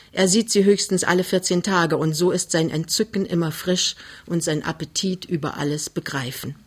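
A narrator reading a novel aloud in an even, measured storytelling manner. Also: medium pitch. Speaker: audiobook narrator. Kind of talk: literary audiobook reading.

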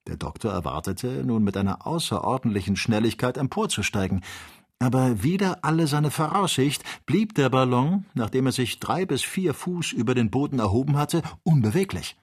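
A man reading an adventure novel aloud as an audiobook, with measured, expressive storytelling. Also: mid-range voice, breathy edge. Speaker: audiobook reader. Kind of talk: scripted audiobook narration.

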